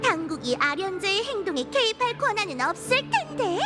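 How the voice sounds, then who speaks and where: Trickster idol girl for a game: piercingly high, theatrical, taunting, loud music underneath. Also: big pitch swings, a little fast. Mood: mocking. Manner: theatrical, teasing. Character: mischievous, taunting young female trickster idol, possessive and theatrical. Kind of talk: scripted game voice acting.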